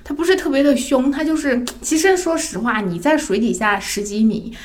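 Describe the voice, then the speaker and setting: A woman's voice pitched slightly higher than most, and she tells her stories in an animated way. She lets her voice rise when she acts out what others said to her, and she laughs through the telling. It sounds like a casual conversation. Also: a little fast. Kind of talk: casual chat, personal storytelling.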